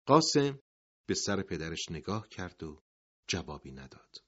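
A man with a fairly low voice narrates a dramatic storybook tale. His pitch moves widely and he sinks into hushed tones at the end of sentences. The recording is slightly dull and lo-fi. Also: big pitch swings.

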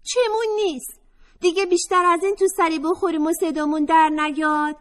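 A woman's voice: very high voice, steady tone, voice pushed up. A woman narrator voicing a frail, tiny young woman student with a thin, delicate voice and an earnest, defiant manner.

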